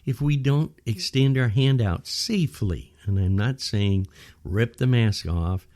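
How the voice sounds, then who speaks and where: A man's voice: medium pitch, lively intonation, unhurried, warm tone. An older man with an American accent delivers an opinionated monologue, a grumbling old man's rant punctuated with rhetorical questions. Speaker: opinion commentator. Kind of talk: opinionated monologue rant about current affairs.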